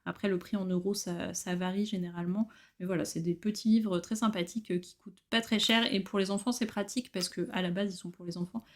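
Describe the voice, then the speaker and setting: A woman showing her new books in a casual vlog, chatty and relaxed, with frequent hesitations. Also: mid-range voice, fast talker. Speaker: book collector vlogger. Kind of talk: casual book haul chat.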